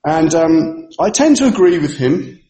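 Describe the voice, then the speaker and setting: A pastor preaches a sermon in church, explaining things emphatically and returning again and again to the points that matter to him. His high voice moves a great deal in pitch; he's very animated yet unhurried, with a warm tone. The sound is heavily reverberant, like a large hall.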